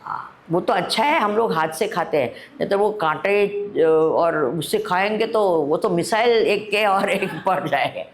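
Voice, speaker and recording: Speaking at medium pitch and with animation, a woman teacher leads a discourse at a spiritual camp. Her pace stays unhurried as she questions her listeners and blends Hindi and English.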